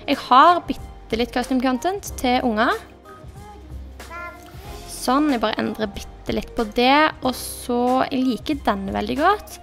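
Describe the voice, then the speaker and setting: Her voice is high-pitched and creaky with a fairly bright tone as this young woman gives chatty commentary over her gameplay, deciding options out loud. The gaming YouTuber records from her bedroom desk, with faint music in the background.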